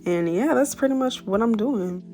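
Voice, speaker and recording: A woman's voice: a little high, expressive, normal speed, dark tone, faint music behind. A young woman giving a casual, chatty voice-over for a hair tutorial, full of slang, small stumbles and restarts. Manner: chatty, slangy, apologizes for stuttering. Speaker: beauty vlogger.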